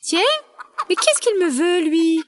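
A woman's voice: extremely high pitch, takes it slowly, pitched above the performer's own voice. A woman voicing a shrewd, bossy mother hen in a children's storybook reading, speaking sharply and commanding. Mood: sly.

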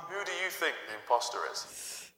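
A man making formal, measured game announcements. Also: high voice, lively intonation, bright, forceful tone, roomy sound, long reverb tail, rough recording.

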